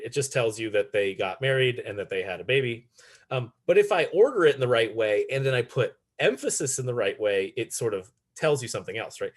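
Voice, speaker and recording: A man teaching a philosophy lecture in a relaxed, chatty way, with many fillers and restarts. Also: lowish voice. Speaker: philosophy instructor. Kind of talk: recorded online lecture.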